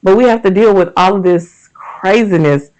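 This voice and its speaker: A woman hosts a podcast, speaking candidly and emphatically straight to her listeners about faith and everyday pressures in a conversational monologue on faith and wellness. Her mid-range voice is slightly mellow and moves at a normal speed, though the recording is rough.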